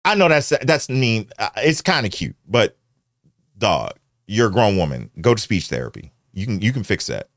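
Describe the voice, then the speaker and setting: A man's voice: on the low side, very animated, moderate pace, a bit bright, dry recording, clean studio sound. A middle-aged American man giving casual, slangy, teasing reaction commentary as a show host. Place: indoor home studio. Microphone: close studio mic on boom arm.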